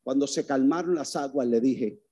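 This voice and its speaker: A man preaching as a priest, telling a personal testimony, swinging from hushed to loud outbursts. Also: medium pitch, moderate pace, husky.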